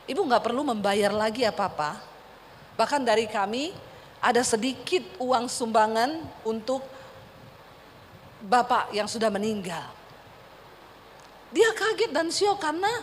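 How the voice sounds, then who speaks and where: A woman's voice: high voice, slight background noise. A woman pastor preaching a sermon, telling a story with emphatic repeated cries. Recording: reverberant church hall, faint ambience.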